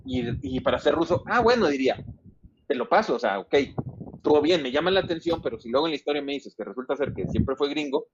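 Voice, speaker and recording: A man's voice: on the high side, animated, fast, lo-fi sound, background noise. A man with a Mexican accent, rambling and swearing freely as he chats casually about video games. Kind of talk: casual chat.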